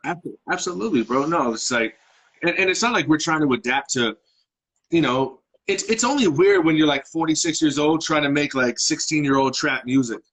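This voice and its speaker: A man in his thirties hosting a live interview, talking in a relaxed, rambling way. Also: a little high, normal speed, low-quality recording. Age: 30s. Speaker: podcast host. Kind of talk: casual interview chat.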